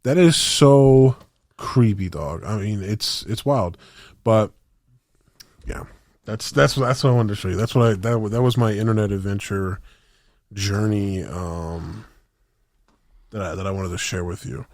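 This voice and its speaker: A man's voice: fairly low pitch, a little slow, pauses often, a little mellow, dry recording, studio quality. A young man on a podcast, telling a story in rambling, slangy casual chat with lots of restarts. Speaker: podcast co-host.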